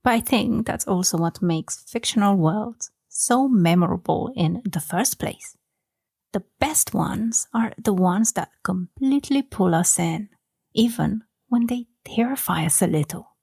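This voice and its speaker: A woman from Romania hosting a book-talk podcast, speaking softly and sometimes dropping to a whisper. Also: mid-range voice, lively intonation, unhurried, vocal fry, breathy edge, no echo. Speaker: podcast host.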